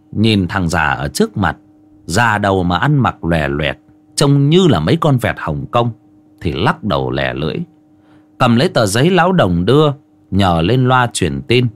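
A man narrating a folk ghost story in an animated, dramatic way. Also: on the low side.

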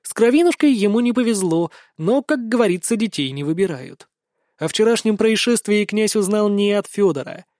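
A man's voice: high-pitched, lively intonation, moderate pace, darkish tone, dry recording, clean studio sound. A man reading a novel aloud as audiobook narrator. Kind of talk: scripted narration.

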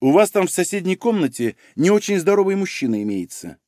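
A man's voice: high voice, sing-song, fast talker, dark tone, no room sound, clean studio sound, pitched above the performer's own voice. A man reading the part of a brash, flirtatious, large middle-aged woman who teases her colleagues. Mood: teasing. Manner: teasing, bold.

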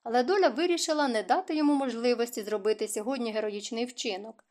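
A woman reading a romance novel aloud as an audiobook narrator, in expressive storytelling. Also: on the high side, fast.

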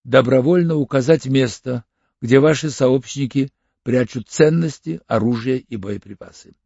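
A male audiobook reader voicing a composed police detective who speaks in a firm, measured, commanding way. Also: mid-range voice, gravelly, a little mellow, no room sound. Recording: dull lo-fi audiobook recording.

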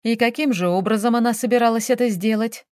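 A woman's voice: a little high, fast talker, no room sound, studio quality, close to an everyday voice. Woman voicing a cool detective. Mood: probing. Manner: calm, firm, slightly ironic. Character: cool, composed female private detective.

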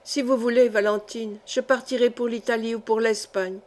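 A woman's voice: fairly high pitch, fairly even intonation, normal speed, darkish tone, lightly acted. A woman reading the part of an anguished, jealous young nobleman husband in an audiobook, passionate and pleading. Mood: bitter.

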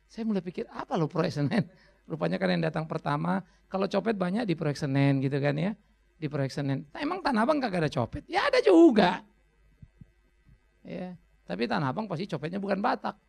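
A man preaching a sermon as a pastor, animated and playful, acting out voices and dropping in English phrases. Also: sits high, fairly quick, gravelly. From Indonesia.

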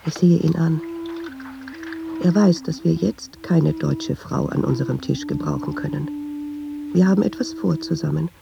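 With a deep, exaggerated voice full of vocal fry and big pitch swings, a woman speaks at a moderate pace against a noisy background in lo-fi sound. She is acting in an intimate radio drama monologue as a nervous, watchful woman narrating her inner thoughts, hesitant and dropping into half-whispers. The mood is uneasy and suspicious.

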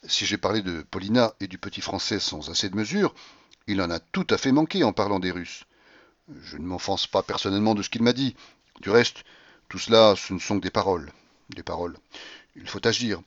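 A man's voice: lowish voice, expressive, fairly bright tone, no room sound, dull audio. Man reading a classic novel aloud. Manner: measured, with brooding first-person monologue. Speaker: audiobook reader. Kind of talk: audiobook narration of a classic novel.

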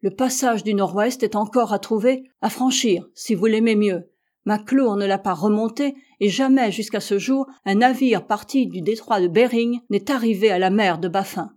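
A woman's voice: medium pitch, normal speed, a little mellow, natural voice. A woman voicing a stubborn, proud American explorer who argues insistently and heatedly.

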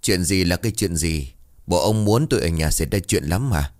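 A man's voice: lively intonation, a little fast, a little mellow, no echo, studio quality. A man voicing a middle-aged village wife who scolds and wails. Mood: snapping. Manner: scolding, wailing, shrill.

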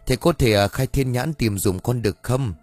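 A man's voice: mid-range voice, moderate pace, darkish tone, no room sound, natural voice. Man doing a timid pleading mother. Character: anxious pleading mother, deferential.

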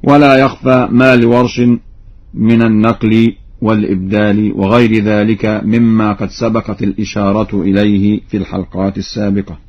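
A man, a Quran reading scholar, giving a radio lesson on recitation variants, explaining plainly and then chanting verse examples slowly. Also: on the low side, flat delivery, a little mellow. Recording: dull lo-fi radio recording.

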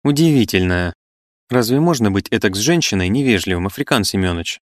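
A man reading the part of a genteel young married woman, polite and gently reproachful. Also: on the low side, animated, a little fast, no echo, clean studio sound, natural voice.

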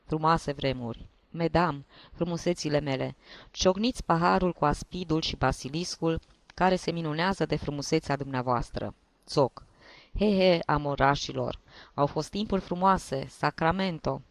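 Give me a man playing a sentimental old drunk journalist with a high, reedy tenor. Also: vocal fry, dry recording. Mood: nostalgic. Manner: rambling, grandiloquent and sentimental. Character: tipsy old male journalist giving toasts.

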